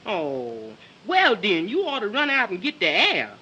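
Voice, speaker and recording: Folksy southern us maid lady, early talkie, slow and scolding, bright voice, hissy old film. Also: medium pitch, wildly swooping pitch, highs cut off, heavily acted. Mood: motherly. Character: scolding, motherly maid named Martha, folksy and fretful. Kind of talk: early talkie film acting, broad comic.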